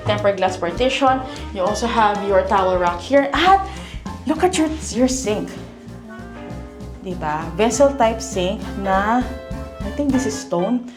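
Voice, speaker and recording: A woman with a Filipino accent hosting a house tour, chatty and enthusiastic, exclaiming often as she walks through rooms. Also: mid-range voice. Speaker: property tour host.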